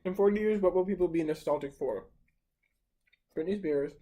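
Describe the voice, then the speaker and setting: A woman's voice: lowish voice, normal speed, mellow. A woman from St. Louis chatting casually while eating, telling a story as co-host of a mukbang video. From St. Louis, Missouri, US.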